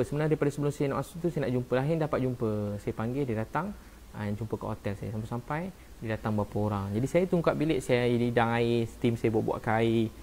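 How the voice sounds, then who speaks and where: A man with a Malaysian Malay accent, a preacher talking casually on a live stream, soft-spoken and earnest, often saying "ha" and "Masya Allah". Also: medium pitch, a little hiss or hum. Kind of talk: casual live-stream talk answering viewers.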